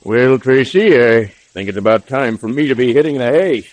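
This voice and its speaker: A man's voice: mid-range voice, animated, moderate pace, no echo, lightly acted. An actor playing a homely, hospitable backwoods man in a 1930s radio drama. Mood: relaxed, homely. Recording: vintage 1930s radio recording.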